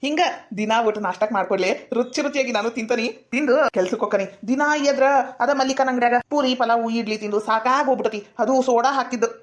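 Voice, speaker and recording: A woman's voice: a little high, fast talker, close to an everyday voice. A woman with a North Karnataka accent playing a teasing, scolding village husband in a comedy sketch. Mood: coaxing. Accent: North Karnataka Kannada. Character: village husband, middle-aged, grumbling.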